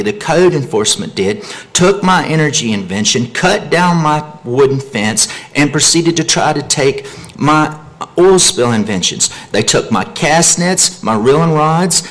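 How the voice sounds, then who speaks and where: A man's voice: expressive, moderate pace, fairly bright tone. A man giving an impassioned public comment at a meeting, pleading and agitated, speaking into a podium microphone. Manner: pleading, agitated, pitch climbing as he grows upset.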